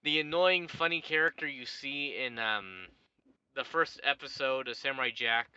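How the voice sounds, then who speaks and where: A man's voice: medium pitch, normal speed, pushed and bright, clean tone, no room sound, dull audio. A man casually recapping a cartoon episode for his show, rambling and chatty. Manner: rambling, chatty, laughs at his own jokes. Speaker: YouTube show reviewer.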